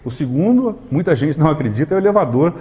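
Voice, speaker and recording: Animated Brazilian man giving a motivational talk. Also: a little high, fast. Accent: Brazilian Portuguese. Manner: animated, full of rhetorical questions, acts out little scenes. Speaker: motivational speaker. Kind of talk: live motivational talk to an audience.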